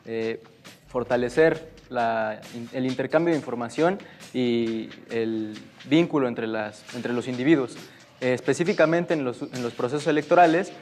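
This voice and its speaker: Hesitant young debater. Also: male voice, medium pitch. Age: young adult. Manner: hesitant, many filler sounds and restarts. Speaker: student debater. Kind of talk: debate argument.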